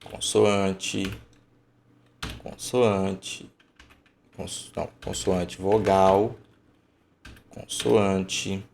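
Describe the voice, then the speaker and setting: Man, online lesson teacher, deep gravelly voice, emphatic and unhurried. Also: level tone, darkish tone, a little hiss or hum. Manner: emphatic and colloquial, thinks aloud.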